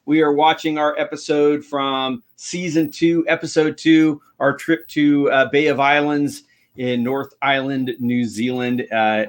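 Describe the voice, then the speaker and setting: A man's voice: a little high, a bit bright. Casual American man hosting a stream. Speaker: host of a fishing show. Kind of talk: casual livestream chat.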